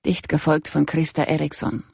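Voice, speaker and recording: An audiobook narrator giving a measured, even scripted reading. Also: mid-range voice, gravelly, husky, no echo, clean studio sound. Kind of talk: scripted narration of a crime novel.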